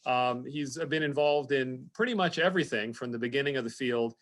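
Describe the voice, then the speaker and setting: Male, mid-pitched, measured speaker intro with frequent fillers, video call audio. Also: fairly bright tone. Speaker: lecture introducer.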